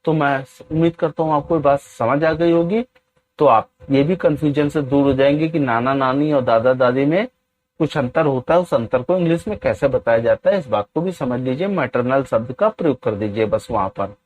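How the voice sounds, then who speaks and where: A man teaching an English grammar lesson, often asking his viewers questions and slowly dictating example sentences. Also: mid-range voice, darkish tone, muffled recording. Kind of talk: classroom-style grammar lesson.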